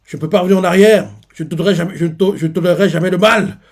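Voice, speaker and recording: Harald, a towering giant king, as a man acts him out, roaring loud and high, his voice cracking with tears as he bellows his vows of remorse in a manga recap. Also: steady tone, very fast. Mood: furious. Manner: shouting, voice breaking with tears.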